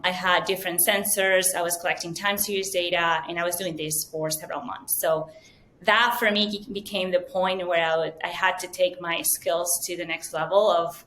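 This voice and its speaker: A woman's voice: on the low side, fairly bright tone, slight background noise. A woman from Venezuela, answering interview questions fluently and earnestly, with frequent ums. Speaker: guest, data science manager.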